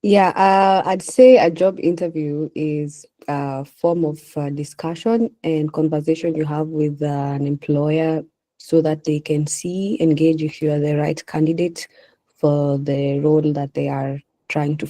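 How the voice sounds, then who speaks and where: A woman's voice: low voice, little pitch movement, unhurried, dark tone, no room sound. A woman taking part in an online class, answering a question with some hesitation. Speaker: class participant.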